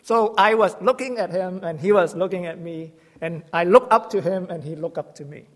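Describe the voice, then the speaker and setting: High-voiced man. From Hong Kong. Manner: halting, self-correcting, gently humorous. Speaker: church teacher. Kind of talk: sermon-style teaching talk. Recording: long hall reverb.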